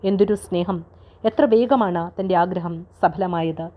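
Low-voiced woman narrating a story. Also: a little slow, dark tone. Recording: dull lo-fi recording.

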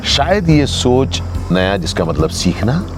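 A man's voice: medium pitch, sing-song, slow pace. A man in his fifties, hosting a thoughtful, musing conversation and mixing in English phrases. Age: 50s. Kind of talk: reflective casual conversation. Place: outdoors in green surroundings. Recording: music playing behind the talk.

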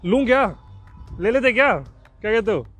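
Faint music plays behind a young man hosting a walk-and-talk podcast, where he rambles, jokes, and describes an outdoor car showroom in mixed Hindi and English. He sounds very high and animated, a bit bright, at a moderate pace.

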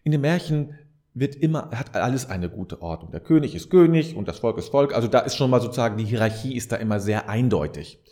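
Warm-toned and brisk, this man's medium-pitched voice is expressive as he delivers a reflective podcast monologue explaining things to the listener. As host, he gropes for the right words and often corrects himself.

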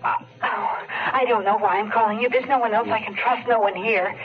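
A woman's voice: a little high, steady tone, brisk. A woman playing an anxious, hesitant young rest-home nurse on the telephone in a 1970s radio drama. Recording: muffled telephone-like old radio, faint noise.

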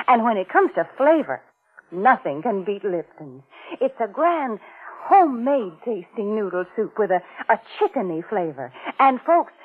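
A woman's voice: a little high, husky, phone-quality sound, exaggerated voice. A woman playing a prim, sensible sponsor's spokeswoman in 1940s radio advertising, with chirpy, chiding patter. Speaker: commercial announcer. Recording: thin old radio broadcast.

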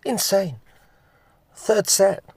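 A huffy, scandalised gentleman who cannot stop gossiping, as a man puts him on. His pitch swoops all over as he drawls out his darlings. It is recorded dry and close. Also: expressive, drawn-out words, breathy edge, dry recording, exaggerated voice. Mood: indignant. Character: gossiping posh older Englishman, indignant and scandalised.

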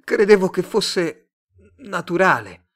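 A man reading a story aloud, voicing an agitated young man desperate in love who pleads and shouts. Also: medium pitch, sing-song, normal speed. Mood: pleading.

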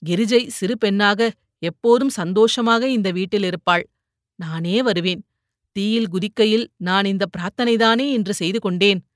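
A woman voicing an ailing older husband who speaks gently and steadily to console his wife. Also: mid-range voice, normal speed, no room sound, studio quality, lightly acted. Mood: calm consoling.

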